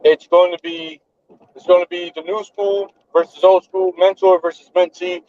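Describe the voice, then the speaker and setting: A man's voice: sits high, level tone, moderate pace, dull audio. A man in his thirties hosting a podcast over a remote call, talking casually and earnestly, repeating phrases as he builds a point. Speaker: podcast host and event organizer. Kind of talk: casual chat.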